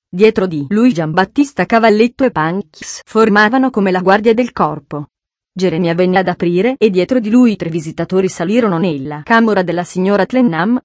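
Woman reading an old novel out loud, dry close mic, mid pitch. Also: no echo. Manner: reads in character voices with quoted dialogue. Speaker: narrator. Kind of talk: audiobook reading of a classic novel.

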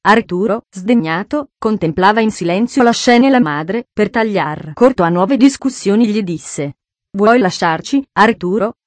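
A woman narrating an audiobook in a measured, clear storytelling manner. Her pitch sits in the middle range. The recording is close and dry, with no room sound. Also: lively intonation, no room sound.

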